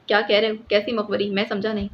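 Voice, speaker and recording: A woman's voice: mid-range voice, monotone, natural voice. A woman voicing a sly, playful young man in an audiobook, speaking in a mild, bemused tone. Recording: slightly muffled with faint hiss.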